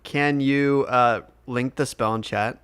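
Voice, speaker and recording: A game master narrating a tabletop game in an unhurried, casual way. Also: medium pitch, steady tone, a bit bright, clean tone, no echo.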